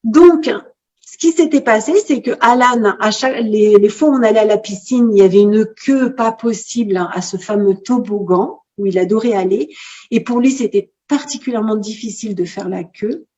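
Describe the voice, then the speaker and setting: A woman in her forties, an author, recounting a family story in an interview with lively, animated delivery, acting out the dialogue. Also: mid-range voice, moderate pace. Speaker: author guest. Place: bookshop. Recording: lo-fi livestream audio.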